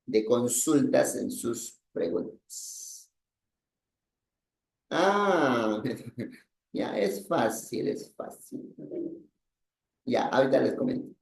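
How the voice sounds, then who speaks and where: A man's voice: medium pitch, drawn-out words, creaky, pauses often, a little mellow. A man teaching a language class, explaining patiently, repeating himself and often checking with "¿no?". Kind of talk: language lesson. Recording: echoey room.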